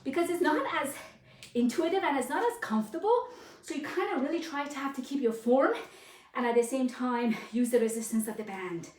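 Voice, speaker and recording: A woman's voice: high voice, brisk, darkish tone. A woman working as a fitness instructor, leading a live workout class with encouraging urging, short commands and counts. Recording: roomy echo, distant microphone.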